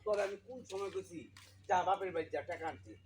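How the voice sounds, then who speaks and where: A man's voice: sits high, fairly quick, noisy background, close to an everyday voice. A man playing a greedy, bullying old husband. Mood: scolding. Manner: harsh, scolding, shouting. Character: older man, greedy bullying husband demanding dowry money. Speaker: actor. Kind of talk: amateur short film acting.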